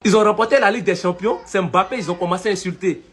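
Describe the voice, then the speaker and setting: A man's voice: high-pitched, fast talker, a bit bright, slightly rough. A man ranting to camera as a football fan, brash and taunting, rallying fellow supporters. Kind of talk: casual fan rant to camera.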